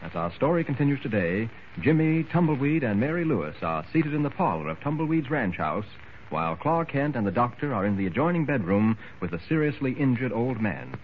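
Male narrator, old radio show, animated delivery, thin tinny sound. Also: mid-range voice, fairly quick. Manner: dramatic storytelling narration. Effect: old radio show broadcast. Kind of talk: 1940s radio drama narration. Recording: thin, phone-like old radio recording with faint hiss.

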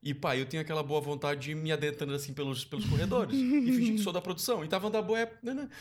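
A man with a Brazilian accent, a podcast guest telling stories in a lively way, acting out quotes and often restarting his sentences. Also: fairly high pitch, rapid-fire. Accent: Brazilian Portuguese. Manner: animated, acts out quotes, many restarts. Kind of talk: casual storytelling chat.

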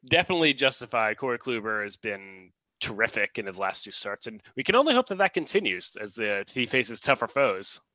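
A man's voice: mid-range voice, big pitch swings, fairly quick, pushed and bright, no echo, poor audio. A man co-hosting a podcast, leading the segments in a dry, matter-of-fact way. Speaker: podcast co-host. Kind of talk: casual sports chat.

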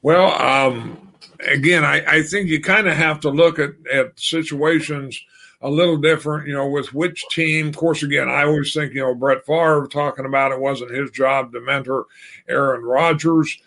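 A man's voice: a little high, steady tone, normal speed, creaky, bright, forceful tone. An older man, the host's father, talking sports casually and rambling with many fillers and restarts. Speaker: podcast guest.

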